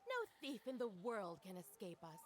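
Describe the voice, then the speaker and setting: A woman's voice: medium pitch, wildly swooping pitch, moderate pace, crowd noise. An actress playing a bold, confident female martial arts fighter in a video game, self-assured in delivery. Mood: boastful. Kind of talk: scripted game voice acting.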